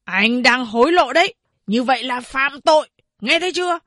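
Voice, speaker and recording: A woman voicing an arrogant male government official who barks orders and scolds with contempt, in a breathy, raised voice. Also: fairly high pitch, lively intonation, normal speed, a bit bright, dry recording, clean studio sound, heavily acted. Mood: angry.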